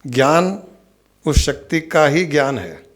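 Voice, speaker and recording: Male spiritual teacher, slightly high voice, slow measured delivery, answers his own questions. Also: animated. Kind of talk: spiritual discourse.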